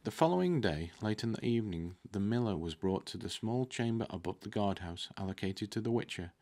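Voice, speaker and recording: Brisk and animated, a thirty-something man reads fantasy fiction aloud in a lowish, mellow voice, occasionally fumbling a word before correcting it. The recording comes from a desktop microphone just in front of him as he sits at a desk in a curtained indoor room.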